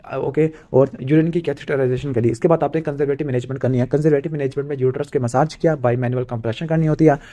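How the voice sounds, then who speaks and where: A man from Pakistan giving an exam revision lecture, asking himself questions and ticking off points with "clear" as he rattles through lists. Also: mid-range voice, fairly even intonation, quick pace, few pauses, mellow. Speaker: medical exam tutor.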